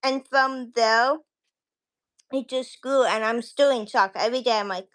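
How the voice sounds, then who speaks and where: A woman's voice: a little high, unhurried, fairly bright tone. A woman chatting casually on a livestream as a guest creator, rambling and acting out remembered conversations. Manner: rambling, quotes conversations with frequent "like".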